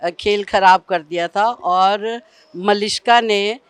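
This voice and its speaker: A woman giving an on-set interview about a serial's storyline, speaking haltingly with many fillers. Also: mid-range voice, steady tone, smooth, no echo. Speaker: actress in the serial.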